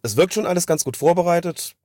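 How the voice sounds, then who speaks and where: A man's voice: high-pitched, lively intonation, quick pace, darkish tone, no room sound, clean studio sound. A man with a slightly congested voice from a cold, giving casual, wordy, considered football commentary on a podcast. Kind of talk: casual analytical podcast talk.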